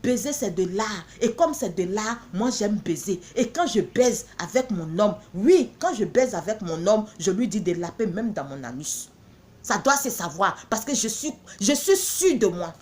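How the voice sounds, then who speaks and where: A woman's voice: mid-range voice, animated, unhurried, darkish tone. A woman from Benin, selling her own products in a blunt, emphatic promotional monologue full of repeated catchphrases.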